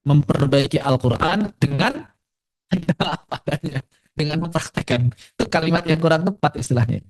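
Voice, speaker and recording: A man with an Indonesian accent lectures a class on Quran recitation in a relaxed, conversational way. His voice sits fairly high, and he keeps asking his students questions. He drops to a slow, careful pace to demonstrate how words are recited. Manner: lively, asks the audience questions; slows right down to demonstrate recitation. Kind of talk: casual lecture to a live and online class.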